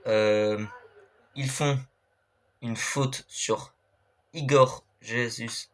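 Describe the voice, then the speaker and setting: Young guy slowly going over match results, lots of ums, keeps saying sorry for his pronunciation. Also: mid-range voice, fairly even intonation, fairly bright tone. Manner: hesitant, many fillers and apologies for pronunciation. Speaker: esports club show host. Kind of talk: casual football match recap.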